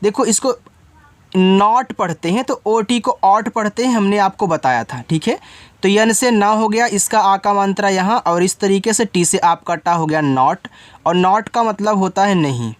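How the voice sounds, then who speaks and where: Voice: medium pitch, normal speed, no echo. Teacher guy or gal spelling words out one letter at a time, casual and direct, mid voice, dry close sound. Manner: spells words letter by letter, then explains meaning; talks directly to the learner, informal. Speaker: English teacher. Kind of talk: step-by-step spelling lesson.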